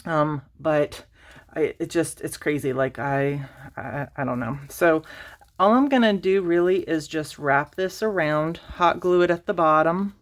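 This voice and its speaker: Low-voiced rambling craft vlogger woman. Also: measured pace. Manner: rambling, self-deprecating, many fillers and restarts. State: slightly out of breath. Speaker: crafting channel host. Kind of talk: casual craft tutorial.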